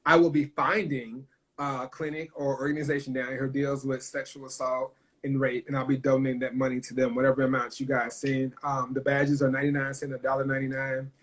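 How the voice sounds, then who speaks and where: A man's voice: medium pitch, level tone, a little fast, low-quality recording. A man hosting a heartfelt livestream talk, speaking earnestly and emphatically, swearing freely and emotional. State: emotional, choked up. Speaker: host.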